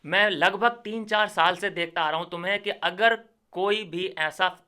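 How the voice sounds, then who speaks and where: Young male YouTuber, bright crisp voice, sarcastic lecturing rant. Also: sits high, normal speed. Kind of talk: ranting commentary video.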